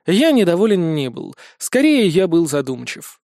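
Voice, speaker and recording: High-voiced man narrating an audiobook. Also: sing-song, moderate pace, darkish tone, no room sound, studio quality. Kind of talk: scripted first-person audiobook narration.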